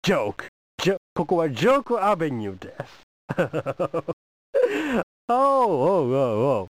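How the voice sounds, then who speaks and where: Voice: mid-range voice, very animated, no echo. A comedian doing a pushy, teasing foreign envoy. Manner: teasing, badgering the audience with rapid questions. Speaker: stand-up comedian. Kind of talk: comic character monologue.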